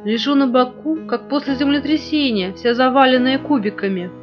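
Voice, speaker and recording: A woman's voice: high-pitched, moderate pace, pitched above the performer's own voice, natural voice. A woman playing a weary little toy stove. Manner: sighing, complaining. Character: tired complaining little toy kitchen stove. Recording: dull lo-fi recording, faint guitar.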